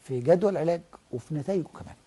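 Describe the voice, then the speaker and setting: A man's voice: on the high side, animated, very fast, dark tone, husky. A middle-aged man with an Egyptian Arabic accent, an ear, nose and throat professor who explains as a guest on a television health talk and acts out examples. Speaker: ENT professor and guest doctor.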